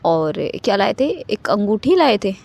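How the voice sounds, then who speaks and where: Speaking at normal speed with a medium, darkish voice, big pitch swings, and some vocal fry, a young woman recounts a personal story into her phone. The vlogger is chatty, mixes in English words, and says "okay" often to check in.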